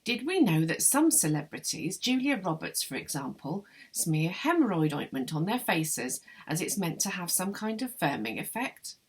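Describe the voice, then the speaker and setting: A woman's voice: fairly low pitch, very animated, normal speed, few pauses, slightly rough. A woman voicing a chatty woman in her seventies who blurts out tabloid gossip eagerly.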